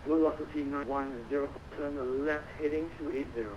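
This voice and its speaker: Higher-pitched man giving air traffic instructions. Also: steady tone, brisk. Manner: procedural, digit-by-digit phrasing. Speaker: air traffic controller in a flight simulation. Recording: dull, lo-fi sound with faint noise.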